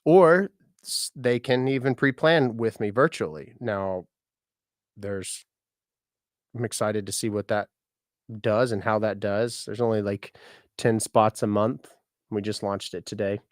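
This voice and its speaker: Chatty man with a low voice. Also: steady tone, measured pace, long pauses, dry recording, clean studio sound. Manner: rambling, chatty, self-deprecating. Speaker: musician and content creator. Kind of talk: casual vlog chat.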